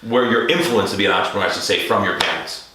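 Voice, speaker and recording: Lower-voiced podcast host guy, rambly casual chat, lots of ums, really echoey room. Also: very fast, noisy background. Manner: rambling, many fillers and restarts.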